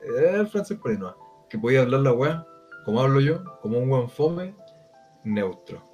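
A man's voice: medium pitch, very animated, normal speed, a little mellow, faint music behind. Blunt Chilean man ranting casually. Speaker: co-host. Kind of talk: casual podcast chat.

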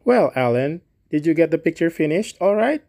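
Man voicing an eager young gentleman. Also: fairly high pitch, sing-song, moderate pace, gravelly, voice pushed up. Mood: earnest. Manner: eager, raised, lifted tone. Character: earnest, kind-hearted young gentleman.

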